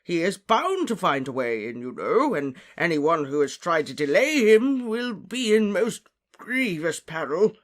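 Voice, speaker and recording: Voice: very animated, a little slow. An audiobook narrator voicing a pompous, fearful, portly old male professor who puffs and blusters. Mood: flustered, aghast. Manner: puffing, rumbling, blustering.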